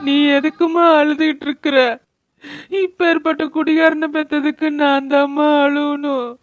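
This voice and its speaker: A woman's voice: sits high, level tone, unhurried, dull audio, faint music behind. A woman voicing a weary older mother-in-law. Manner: scolding, world-weary, anxious. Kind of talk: cartoon voice acting.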